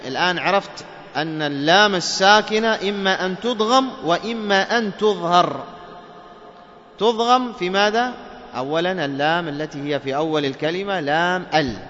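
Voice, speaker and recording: A man teaching a class on Quran recitation rules, answering his own questions and drawing out key words slowly to stress them. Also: sits high, fairly bright tone, a little hiss or hum. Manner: explains step by step, asks the class questions and answers them himself. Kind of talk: lecture on tajweed rules. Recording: dull sound with long echo.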